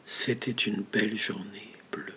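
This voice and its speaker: A man narrating a story in a measured manner, often dropping to a whisper. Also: lowish voice, steady tone, pushed and bright, slight background noise. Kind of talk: audiobook story reading.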